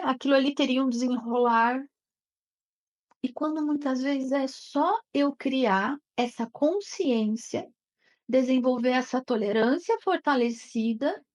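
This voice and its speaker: Mulher de voz aguda, tom conversado. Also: female voice, high-pitched. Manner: conversational, checks in with listeners often. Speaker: therapist teaching an online course. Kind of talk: live online class talk.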